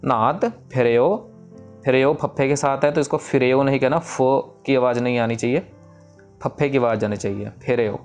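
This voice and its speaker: A man giving a pronunciation lesson, explaining each sound and then reciting the lines slowly and drawn out. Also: medium pitch, fairly even intonation, over music. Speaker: Gurbani recitation teacher.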